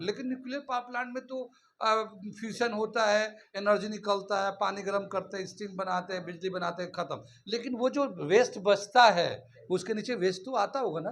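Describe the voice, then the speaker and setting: A man's voice: high-pitched, fairly bright tone, a little hiss or hum. A man teaching a physics lecture, explaining step by step and often checking with his students. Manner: explains in Hindi mixed with English terms, often checks with "ठीक है ना". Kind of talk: classroom lecture.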